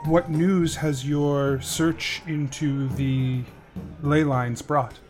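A man's voice: fairly high pitch, little pitch movement, extremely slow, a little mellow. Male dungeon master narrating over faint music. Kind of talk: podcast intro and tabletop game narration.

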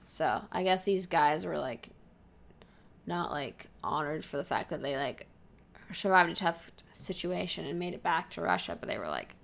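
A woman's voice: on the low side, expressive, moderate pace, creaky. A young woman co-hosting a casual podcast, telling travel stories in a rambling way with lots of filler words.

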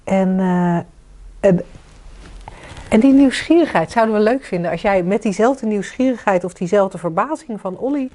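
A woman speaks at medium pitch and a moderate pace as she co-hosts a podcast. A coach by profession, she chats casually and warmly, drawing listeners in by asking them questions.

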